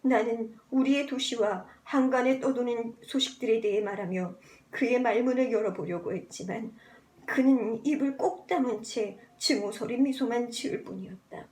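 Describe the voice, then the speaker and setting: A woman's voice: a little high, normal speed, darkish tone. A woman reading a novel aloud as an amateur narrator, theatrically, practicing an altered voice. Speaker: amateur audiobook reader practicing voice changes. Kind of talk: expressive literary narration, voice-acting practice.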